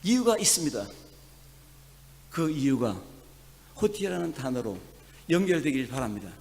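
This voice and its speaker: A man from Chungcheong preaching as pastor, moving between soft, quiet asides and loud, emphatic passages. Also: mid-range voice, very animated, normal speed, creaky. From Chungcheong, South Korea. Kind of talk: sermon. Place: church sanctuary. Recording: long church hall reverb.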